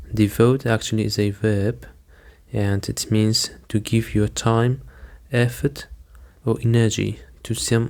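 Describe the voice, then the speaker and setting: A man teaching English vocabulary in a slow, deliberate lesson, repeating each word and giving examples. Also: fairly low pitch, darkish tone.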